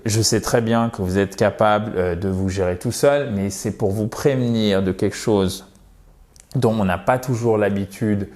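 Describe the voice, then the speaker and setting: A man's voice: fairly low pitch, normal speed, a little mellow. A man from France teaching English in an online lesson, patiently repeating words for pronunciation and addressing viewers as dear friends.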